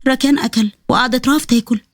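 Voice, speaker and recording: A woman with an Egyptian accent narrating a story in a brisk, scripted way. Her voice sits a little high and races along very quickly. The recording is dry and close. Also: fairly even intonation, no echo.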